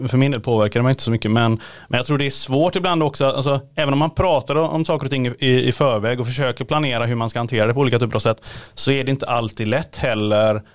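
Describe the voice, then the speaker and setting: Male expert co-host, halting and thoughtful, dry close mic. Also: mid-range voice, no echo. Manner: hesitant, many restarts and fillers, explanatory. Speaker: podcast co-host, health expert. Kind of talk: casual podcast chat.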